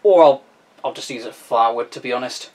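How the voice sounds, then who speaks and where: A man's voice: medium pitch, fast talker, very noisy. A man hosting a casual woodworking how-to. He is chatty and self-deprecating, and he explains each step as he works in his home workshop. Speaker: woodworking video host.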